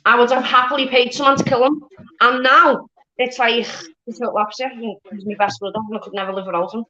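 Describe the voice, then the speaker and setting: Woman, Scouse accent, high voice, blunt, sweary, casual anecdotal chat, muffled recording. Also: steady tone, quick pace, bright, forceful tone. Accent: Liverpool. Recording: dull lo-fi audio.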